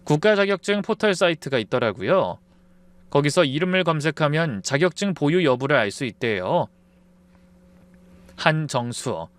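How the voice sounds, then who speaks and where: A man telling a first-person life story in a calm, confiding narration. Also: clean tone. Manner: calm, confiding, with lively pitch.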